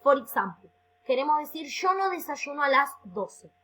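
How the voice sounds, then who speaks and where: A woman with a Rioplatense Spanish accent teaching English, drilling phrases slowly and checking in with "¿ok?" after nearly every line. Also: high-pitched, big pitch swings, bright, forceful tone, poor audio. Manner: slow, emphatic drilling with frequent "¿ok?" checks. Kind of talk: recorded online lesson, bilingual.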